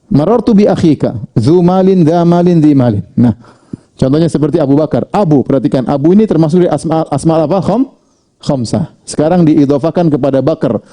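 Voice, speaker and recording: A man teaching an Arabic grammar lesson, drilling with rhetorical questions, reading example phrases out slowly, and rising high for questions before dropping low for the answers. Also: mellow. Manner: pitch swings widely between questions and answers. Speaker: Islamic studies teacher.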